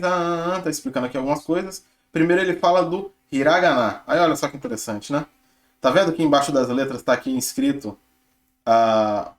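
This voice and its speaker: Laid-back man, chatty study walkthrough. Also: mid-range voice. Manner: chatty, relaxed, filler-heavy with tag questions. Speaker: channel host sharing his Japanese study. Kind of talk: casual screen-share walkthrough.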